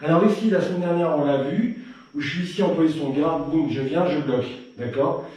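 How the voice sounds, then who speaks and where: A man teaching a live self-defense class, counting out strikes loudly and pushing the pace, then explaining techniques in a relaxed way. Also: on the high side, fairly quick, very echoey, far from the mic, poor audio. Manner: relaxed explaining between drills. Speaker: Krav Maga instructor.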